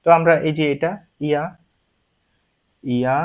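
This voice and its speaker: A man's voice: on the high side, fairly even intonation, unhurried, clean tone. A man teaching Japanese script step by step, explaining each stroke and repeating the syllables aloud. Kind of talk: slow step-by-step lesson. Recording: dull lo-fi recording.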